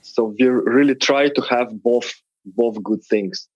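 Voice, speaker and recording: A man's voice: mid-range voice, slow pace, no echo, muffled recording. A man with a Lithuanian accent and non-native English phrasing, explaining things conversationally as an interview guest. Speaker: podcast guest, tech project representative.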